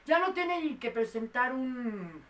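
A woman's voice: high voice, big pitch swings, slow pace, recorded from a distance. A woman co-hosting a casual talk show, playful and pleading earnestly with the audience. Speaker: co-host. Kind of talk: casual chat.

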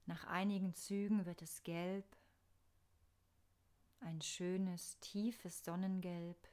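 A woman narrating a scripted guided meditation in a soft, soothing, unhurried manner with pauses. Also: on the low side, little pitch movement.

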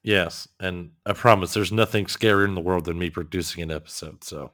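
Low-voiced, self-mocking male podcast co-host. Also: a little fast, fairly bright tone. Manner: self-deprecating, laughing, joking. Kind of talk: casual podcast chat.

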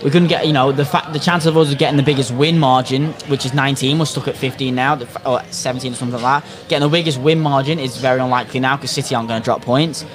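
A man's voice: medium pitch, fairly even intonation, fast talker, hardly any pauses, a crowd in the background. A man hosting a casual football podcast chat in an opinionated, sweary way. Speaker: podcast host.

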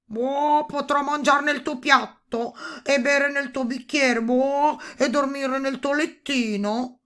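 A woman voicing a big, cheeky male toad who croaks between his words in a storybook reading. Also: high voice, fairly even intonation, slow pace, a bit bright, pitched above the performer's own voice. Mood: pleading, cheeky. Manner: breaks lines with a croaking "boh".

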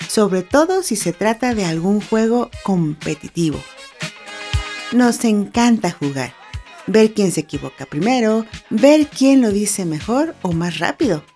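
This Mexican woman hosts her own podcast, delivering a solo monologue in a mellow, mid-range voice. Her manner is cheerful, playful and chatty.

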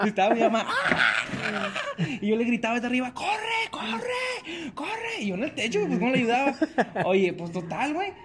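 Animated young Mexican man telling a story. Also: very high-pitched, racing, heavy background noise. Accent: Mexican Spanish. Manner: animated, slangy, acts out shouts and quotes. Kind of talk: casual storytelling.

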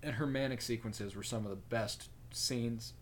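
A man's voice: mid-range voice, normal speed, slight background noise. A man co-hosting a podcast in casual chat, recapping and analyzing eagerly and asking questions. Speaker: podcast co-host.

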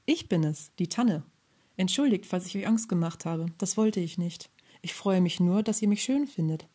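A woman voicing a gentle young talking fir tree in a storybook, soft and rustling, polite and pleading. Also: lowish voice, lively intonation, normal speed, husky. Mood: friendly.

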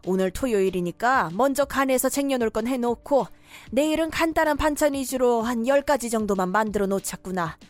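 A woman's voice: fairly high pitch, expressive, fairly quick, no room sound, close to an everyday voice. A woman voicing a domineering, scolding middle-aged mother-in-law in a cartoon story drama. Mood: nagging.

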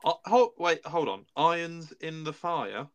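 A man co-hosting a podcast in casual chat. His voice sits fairly high for a man. He is sarcastic and swears freely. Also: animated, unhurried. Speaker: guest co-host.

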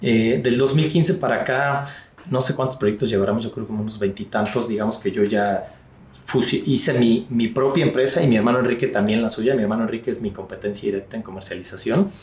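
A man's voice: on the low side, fairly quick, a little mellow, reverberant. A man, a real estate sales executive, answering interview questions thoughtfully with many fillers and restarts.

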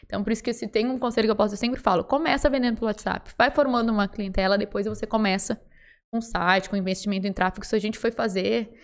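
A Brazilian woman shop owner with a Brazilian Portuguese accent, telling her story in a casual interview and acting out past conversations with lively energy. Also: medium pitch. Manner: lively, talks fast, acts out her own past dialogue.

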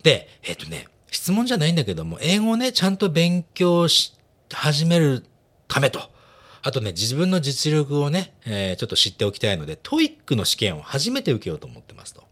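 A man's voice: on the high side, a little fast. A man hosting a casual bilingual chat show, talking animatedly and laughing often. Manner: animated, laughing, switches between Japanese and bits of English. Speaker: host.

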